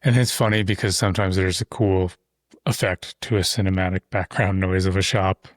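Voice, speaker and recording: A podcast host with a lowish voice chats casually, explaining at length and drifting into loose asides, his pitch fairly flat and his pace a little quick. He sits near a close studio mic in an insulated shop-building studio, so the sound is dry and intimate with no room echo.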